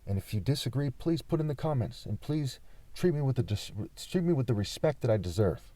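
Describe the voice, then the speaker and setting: A man from California talking insistently in an unscripted vlog monologue, pausing often with fillers. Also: mid-range voice, animated, warm tone, dry recording. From California, USA. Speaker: vlogger.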